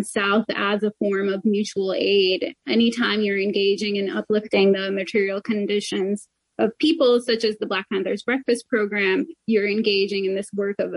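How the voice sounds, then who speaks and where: Female organizer guest, flat intonation, earnest explanatory answers, dry close recording. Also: medium pitch, vocal fry, slightly rough, dry recording, rough recording. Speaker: interview guest, community organizer. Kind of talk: unscripted explanatory interview answers.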